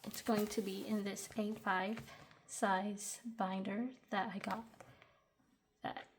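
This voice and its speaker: A woman's voice: medium pitch, little pitch movement, slow pace, noisy background. A young woman in her twenties chatting casually as a budgeting vlogger, a little out of breath, with fillers and restarts. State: short of breath. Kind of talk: casual tutorial chat.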